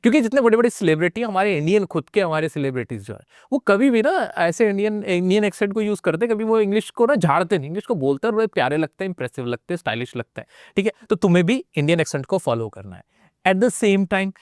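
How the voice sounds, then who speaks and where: Motivational Indian teacher, crisp and dry. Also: male voice, high voice, animated, quick pace, no room sound. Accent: Indian English. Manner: motivational, addresses students directly and repeats phrases. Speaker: spoken English teacher. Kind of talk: energetic online class lecture.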